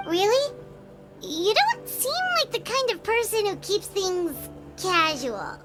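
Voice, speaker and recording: Very high, wildly bouncy little game sidekick creature, eager and childlike. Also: female voice, big pitch swings, takes it slowly, a bit bright, soft background music, heavily acted. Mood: cheerful. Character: tiny floating female companion creature, cheerful and eager. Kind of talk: video game voice acting.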